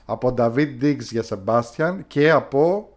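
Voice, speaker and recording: A man's voice: medium pitch, darkish tone. A man co-hosting a casual film chat, talking in a laid-back, jokey way. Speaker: co-host.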